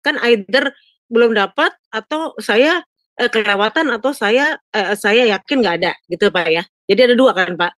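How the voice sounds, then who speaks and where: In a dry, studio-quality recording, an older woman with an animated, fairly bright, higher-pitched voice talks at a moderate pace. She's phoning a pastor to share a personal story in a casual, chatty way, often looking for his agreement with a habitual "Pak, ya."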